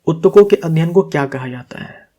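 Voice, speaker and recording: A man's voice: a little high, animated, brisk, warm tone. A man teaches exam material as a tutor. He goes through answers step by step, asking himself questions and answering them, now and then correcting a slip aloud. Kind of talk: explaining quiz answers.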